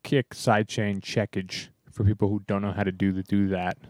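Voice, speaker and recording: A man co-hosting a casual music-production podcast, joking and rambling as he walks through software. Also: on the low side, level tone, normal speed, no echo. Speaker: podcast co-host. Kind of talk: casual chat.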